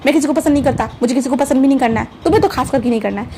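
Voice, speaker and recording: A woman's voice: sits high, racing, a little hiss or hum. A woman voicing a feisty, hot-tempered young male office worker who fires off scolding questions in a fan fiction story. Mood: outraged. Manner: snappy scolding questions, shouting.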